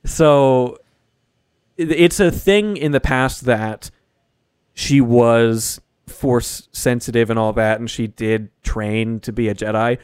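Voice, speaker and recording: A man in casual conversation about film, his voice jumping up in pitch and volume as his enthusiasm builds. The sound is dry and close, with no room echo. His pitch sits in the middle range for a man. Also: slow, clean tone. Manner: animated, gets loud and high when excited. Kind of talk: casual movie discussion.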